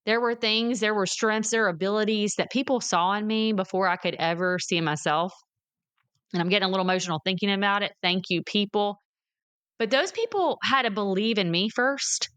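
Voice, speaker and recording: A woman's voice: medium pitch, fairly quick, fairly bright tone, smooth. Middle-aged woman, lilt, solo motivational podcast host, emphatic and cheering, clean resonant tone. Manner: encouraging, emphatic, addresses listeners as "guys" and "y'all".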